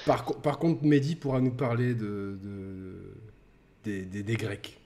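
A podcast host runs a casual gaming chat show, joking around, restarting sentences and repeating himself, and mock-reading a sarcastic pitch. His voice is level in tone and a little mellow, at a measured pace.

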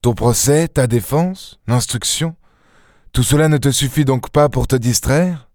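A man reading a story aloud, voicing an old police inspector who is gruff, blunt and incredulous. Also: mid-range voice, unhurried, darkish tone, no echo, clean studio sound, voice pushed up, close to an everyday voice.

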